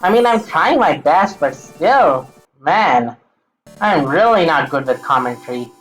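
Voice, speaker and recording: A woman's voice: low-pitched, animated, measured pace, soft background music, rough recording. A woman giving casual let's-play commentary over a retro game, often stuttering, restarting sentences and laughing at her own slips. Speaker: gameplay commentator.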